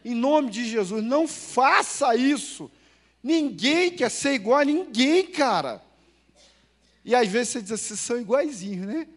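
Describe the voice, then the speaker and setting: High-voiced Brazilian pastor preaching. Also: male voice, a little slow. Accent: Brazilian Portuguese. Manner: storytelling, lively swings between loud and hushed; addresses the congregation with questions. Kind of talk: sermon. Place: church.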